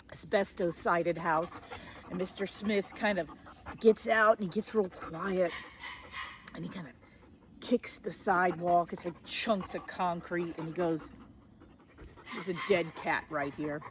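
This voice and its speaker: A woman in her forties, hosting her own show, telling a personal story in a casual, self-mocking way with excited high bursts and low asides. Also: measured pace, noisy background.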